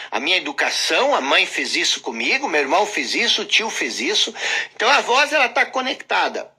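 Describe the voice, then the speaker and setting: A man teaching a motivational self-help lesson who talks straight to the listener and repeats his points for emphasis. His voice is bright and a little husky, and his pitch rises and falls with lively swings. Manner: emphatic, repeats phrases, addresses listener directly.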